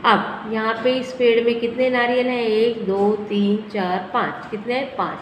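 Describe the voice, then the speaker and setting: A woman teacher, her voice pitched a little high, leads young children through simple sums. She counts aloud slowly and answers her own questions. The recording rings with a long hall echo over faint background noise. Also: fairly even intonation, lo-fi sound. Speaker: primary school teacher. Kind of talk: teaching a first-grade maths lesson.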